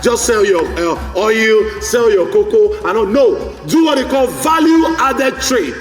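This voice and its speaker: High-voiced man exhorting a crowd. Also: lively intonation, takes it slowly, faint music behind. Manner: exhorting, repetitive, calls out to the crowd. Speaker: forum president giving keynote speech. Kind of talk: rousing speech to a live audience. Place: large hall at a live forum. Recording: echoey hall, voice from a distance.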